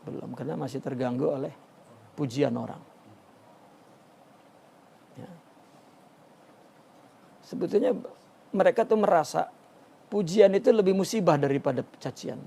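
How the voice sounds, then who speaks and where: A man teaching a religious text study, speaking haltingly with many restarts and a filler "ya" between phrases. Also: on the high side, expressive, gravelly, mellow, slightly rough. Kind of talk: Sufi text study lecture.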